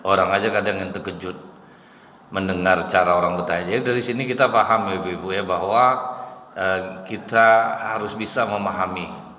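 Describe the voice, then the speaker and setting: Deep-voiced man preaching in an echoey hall. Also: steady tone, normal speed, long pauses, bright, forceful tone, a little hiss or hum. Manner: folksy storytelling, addressing the congregation as sir and madam. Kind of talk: sermon. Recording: echoey hall with faint ambience.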